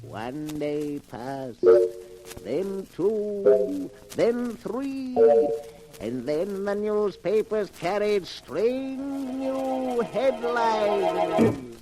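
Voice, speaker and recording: A man narrating an old-time radio horror story in a measured, ominous manner. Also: high voice, big pitch swings, mellow, faint music behind, exaggerated voice, low-quality recording.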